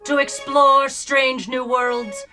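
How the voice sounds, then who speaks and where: A woman playing a principled, composed female starship captain in a sci-fi fan audio drama, speaking in a measured, formal way. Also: sits high, fairly even intonation, pushed and bright, soft background music, exaggerated voice. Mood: grand, resolute.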